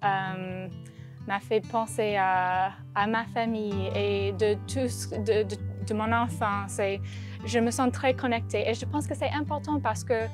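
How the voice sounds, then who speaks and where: Woman, slow pace, halting reflective interview, teacher, clear guitar music behind. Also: mid-range voice, fairly even intonation. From Louisiana, United States. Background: plucked guitar music.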